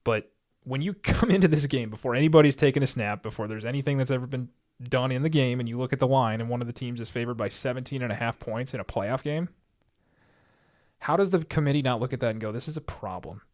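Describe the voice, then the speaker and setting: Fast-talking male sports podcast co-host. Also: medium pitch, darkish tone. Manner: rambling, repeats himself when worked up. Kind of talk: casual sports chat.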